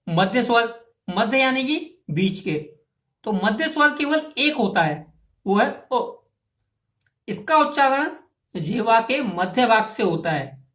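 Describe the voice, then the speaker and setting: A woman's voice: medium pitch, fairly bright tone, roomy sound. A woman teaching a grammar lesson. She explains patiently and step by step, repeats key terms and asks listeners to say the sounds aloud themselves. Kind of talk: classroom lesson.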